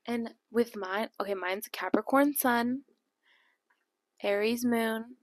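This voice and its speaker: A woman's voice: fairly high pitch, takes it slowly, no room sound, clean studio sound. A young woman co-hosting a podcast, chatting casually and teasing her friend. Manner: teasing, playful, lots of "like". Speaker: podcast co-host. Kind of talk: casual chat.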